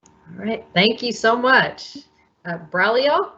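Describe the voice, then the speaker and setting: A woman moderating a workshop panel over a video call, measured and welcoming as she introduces each speaker. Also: a little high, lively intonation, pushed and bright, highs cut off, slight background noise. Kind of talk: hosting a panel.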